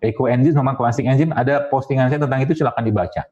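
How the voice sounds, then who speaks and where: Talking fast in a mid-range, darkish voice, an Islamic health speaker jokes his way through a casual health talk to an audience. He adds sound effects and quoted voices, and the lo-fi recording sounds dull.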